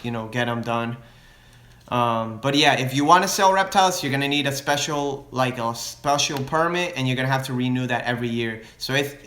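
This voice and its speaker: A man's voice: mid-range voice, a bit bright. A man answering viewer questions about his reptile business on a casual livestream, rambling with many restarts and switching between Spanish and English. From Florida. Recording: echoey room.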